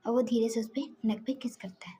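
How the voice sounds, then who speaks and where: Soft-spoken woman telling a story. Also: a little high, steady tone, brisk. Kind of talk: casual story narration.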